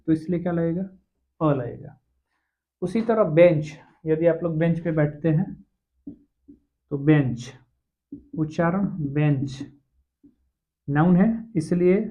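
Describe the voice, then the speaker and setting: A man teaching an English grammar lesson, explaining slowly and asking rhetorical questions. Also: sits high, mellow. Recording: tinny phone-like sound.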